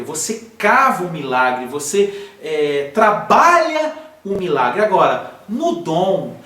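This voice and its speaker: A man's voice: sits high, echoey room, far from the mic. A man teaching a church class on healing in a conversational sermon style, speaking directly to the listener. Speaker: pastor teaching a healing school.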